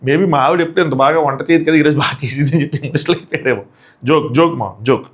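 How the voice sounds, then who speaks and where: A man hosting a casual comic review, mocking and excitable with slangy asides. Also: a little high, rapid-fire. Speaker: show reviewer and host.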